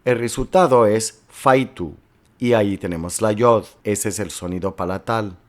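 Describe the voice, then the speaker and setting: A man lecturing slowly and carefully, working step by step through examples as a teacher. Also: on the low side. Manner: slow, careful, explanatory delivery with worked examples. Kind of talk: recorded lecture on historical linguistics.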